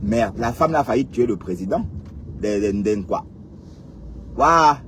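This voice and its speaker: A man's voice: lowish voice, animated, a little slow, fairly bright tone. Guy ranting at his viewers from the road, sarcastic, repeats himself, bit of car noise. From Cameroon. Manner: sarcastic, repeats words, fires rhetorical questions at viewers. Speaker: commentator addressing viewers. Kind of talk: casual ranting commentary. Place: in a vehicle on the road.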